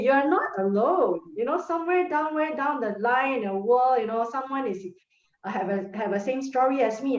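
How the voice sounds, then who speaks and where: A woman's voice: mid-range voice, darkish tone. A woman hosting an interview over a video call, talking earnestly and at length to encourage her guest. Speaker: host. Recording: roomy, distant, dull video-call audio.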